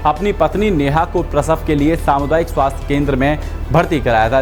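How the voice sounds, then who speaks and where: A man reading a scripted news bulletin in a formal, steady anchor style, recorded as a studio voice-over. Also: a little high. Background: faint background music.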